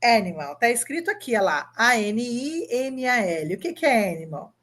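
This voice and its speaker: A Brazilian woman in her fifties, an English teacher giving an online lesson, upbeat and coaxing, drilling words slowly and spelling them out. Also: fairly high pitch, big pitch swings, a bit bright. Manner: upbeat, coaxing, asks the viewer to answer.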